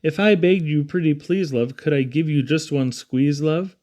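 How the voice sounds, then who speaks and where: A man's voice: on the high side, normal speed, a little mellow, close to an everyday voice. A man voicing a lovesick turtle from a children's poem, wooing in a tender, imploring, flowery way. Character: lovesick, pleading male turtle suitor.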